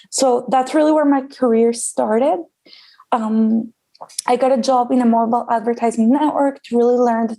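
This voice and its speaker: Gravelly-voiced woman from Costa Rica. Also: on the high side, warm tone. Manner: chatty, frequent ums, laughs easily. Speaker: guest. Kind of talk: casual interview.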